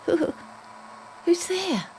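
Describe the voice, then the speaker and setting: A woman's voice: extremely high pitch, sing-song, drawn-out words, creaky, darkish tone, slight background noise, voice pushed up, exaggerated voice, poor audio. An older woman voicing an anxious, kind-hearted young boy who stammers nervously.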